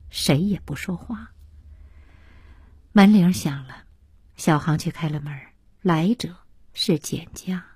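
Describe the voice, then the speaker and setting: Brief: woman audiobook narrator, slow, husky-breathy, dry close mic. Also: fairly low pitch, no echo. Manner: soft, hushed, breathy reading. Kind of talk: scripted novel narration.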